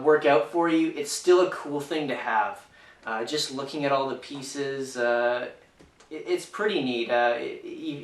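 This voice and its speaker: A man's voice: mid-range voice, fairly bright tone. A man giving a casual, unscripted board game review, hesitant and full of fillers and restarts. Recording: echoey room, mic far off.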